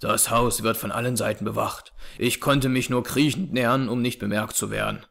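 A man reading aloud, voicing a grim, determined young frontier hunter in a low, hushed, firm tone. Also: fairly even intonation, normal speed, vocal fry. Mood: urgent. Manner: urgent, clipped and firm. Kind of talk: audiobook character reading.

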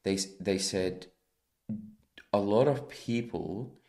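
A young man with a very low voice talks through a point of faith in a small studio, close to a desk microphone. He speaks earnestly, stops, restarts and circles back as he works out his thoughts. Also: warm tone. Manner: earnest, halting, with many restarts. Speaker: podcast co-host. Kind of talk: casual faith discussion. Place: small studio, seated at a table. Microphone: desk microphone on a stand.

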